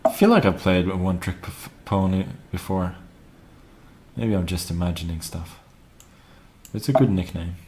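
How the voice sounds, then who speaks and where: A man casually commenting on his own chess game as he plays, wry and relaxed. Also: low voice, moderate pace, a little hiss or hum.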